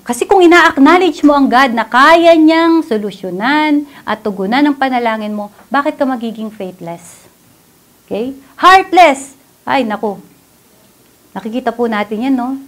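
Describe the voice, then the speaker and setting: Animated Filipino woman preaching. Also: sits high, a little slow. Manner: animated, laughs often, asks the audience rhetorical questions. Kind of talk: Taglish sermon. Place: church.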